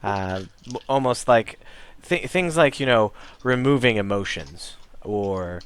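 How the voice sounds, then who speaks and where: A young man running a tabletop game as game master, narrating in a rambling way with many pauses and restarts. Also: fairly low pitch, expressive, a bit bright, clean tone. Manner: rambling, full of ums and restarts.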